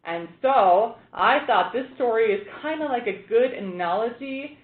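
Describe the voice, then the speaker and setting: A woman's voice: on the high side, animated, a little slow. A woman from Estonia giving a conversational webinar presentation, telling stories with casual fillers. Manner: chatty, storytelling with fillers. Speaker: presenter, biocompatibility expert. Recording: tinny phone line, echoey room.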